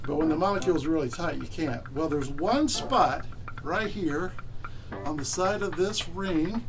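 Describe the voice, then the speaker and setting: A man's voice: on the high side, moderate pace, a crowd in the background. A man presenting magic tricks as patter to an audience, with the playful, mock-bumbling earnestness of a kids' party magician.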